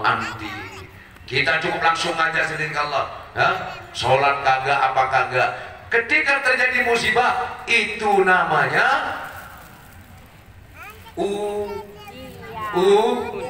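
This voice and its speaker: A man preaches to his congregation in a very high, bright, sharp voice. He fires off rhetorical questions and swings between shouted peaks and low murmurs. His voice rings through a big reverberant hall, picked up from a distance with faint ambient noise. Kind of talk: sermon to a congregation. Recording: echoey hall, distant mic.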